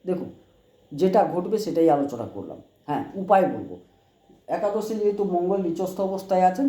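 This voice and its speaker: A man, an astrologer, talking to viewers about horoscope remedies, explaining plainly and chanting mantras slowly and carefully. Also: sits high, warm tone, roomy sound, dull audio. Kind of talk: horoscope advice talk to viewers.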